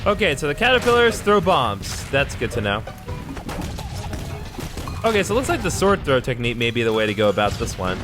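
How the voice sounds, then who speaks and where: A young man giving chatty, playful let's play commentary on a game. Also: mid-range voice. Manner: chatty, self-deprecating, playful. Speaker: gamer.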